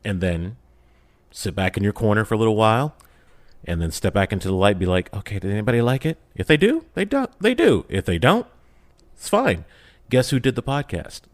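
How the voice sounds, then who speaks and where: A man guesting on a podcast, an audio drama creator, chats in an animated, casual way with a jokey, self-deprecating manner. His voice is on the low side with big pitch swings and a brisk pace, and there's no echo.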